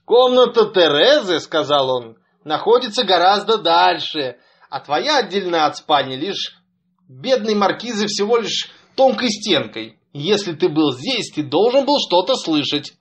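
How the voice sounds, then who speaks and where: A man's voice: high voice, sing-song, a bit bright, pitched above the performer's own voice, exaggerated voice. A man reading a stern accusing father. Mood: grave. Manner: grave, accusing, at times slow and heavy. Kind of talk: audiobook character reading.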